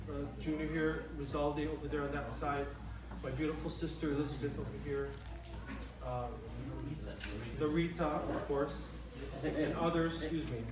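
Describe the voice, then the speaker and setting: Man, middle-aged, slightly high pitch, informal eulogy, halting conversational delivery, repeated phrases, heavy room echo. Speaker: son giving a eulogy for his father. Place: large reverberant room at a memorial gathering. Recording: very echoey, distant microphone in room.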